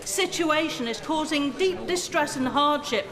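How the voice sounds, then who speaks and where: Woman opposition politician, accusatory questioning, high pitch, reverberant chamber with noisy crowd. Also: measured pace. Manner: indignant, accusatory. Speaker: opposition member of parliament. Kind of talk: pointed parliamentary question. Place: large debating chamber. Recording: echoey hall with loud crowd.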